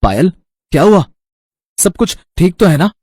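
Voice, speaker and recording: A man voicing a scheming husband who seeks immortality and speaks in a dismissive, secretive way, with a husky voice. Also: high voice, very animated, measured pace, darkish tone, no echo, studio quality, exaggerated voice.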